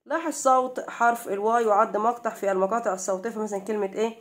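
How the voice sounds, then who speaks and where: Egyptian lady teacher, reads english slow then translates, keeps quizzing the kids. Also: fairly high pitch. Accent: Egyptian Arabic. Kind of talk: explaining a primary-school English lesson.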